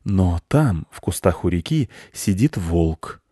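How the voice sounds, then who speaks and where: A man's voice: low-pitched, animated, slow, warm tone, breathy edge, no room sound, studio quality, full character voice. A man voicing a cunning male fox who speaks slyly in an audiobook. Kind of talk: audiobook character voice.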